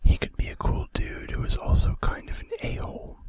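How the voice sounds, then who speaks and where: Whispering the whole way through, this man hosts an ASMR video and reads out trivia in a breathy, unvoiced voice. His delivery is brisk, casual and informal, dotted with conversational asides, with no room sound.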